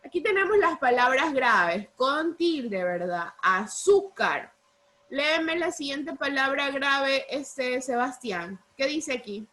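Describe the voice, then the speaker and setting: A woman teaches young pupils over a video call. She speaks slowly and patiently in a high, bright voice. She keeps asking questions to check that the class follows. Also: lively intonation, slight background noise. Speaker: primary school teacher. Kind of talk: online class lesson.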